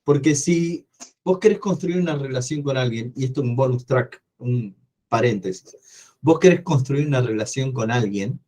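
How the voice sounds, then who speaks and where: A man with an Argentine accent teaching an online coaching class, talking loudly and energetically and putting questions to the class that he answers himself. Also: medium pitch. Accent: Argentine Spanish. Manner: loud, energetic way of speaking. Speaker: coaching course instructor.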